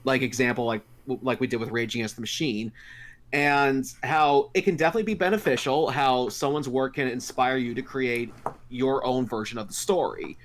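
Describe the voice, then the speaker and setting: A man's voice: medium pitch, normal speed. A man hosting a casual panel discussion, talking with many fillers and restarts. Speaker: podcast host.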